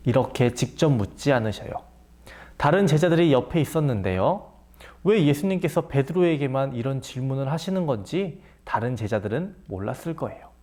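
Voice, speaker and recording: A man, a junior pastor, gently telling a Bible story in a children's sermon for an online church service. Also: mid-range voice.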